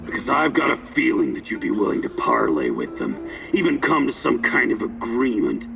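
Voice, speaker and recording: Very gravelly, vengeful tough guy. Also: mid-range voice, huge pitch swings, normal speed, exaggerated voice. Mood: menacing, intense. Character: volatile, vengeful, foul-mouthed tough man. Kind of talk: video game dialogue acting. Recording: slightly distant, music behind.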